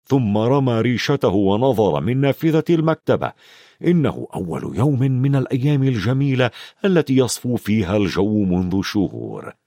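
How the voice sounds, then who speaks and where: A man narrating a children's fantasy novel in expressive, scripted storytelling. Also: medium pitch, normal speed, no room sound, studio quality. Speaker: audiobook narrator.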